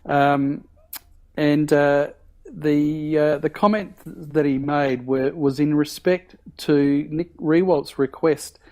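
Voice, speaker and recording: A man on a podcast panel, talking haltingly with many ums and uhs. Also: on the high side, fairly even intonation, warm tone. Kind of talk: casual chat.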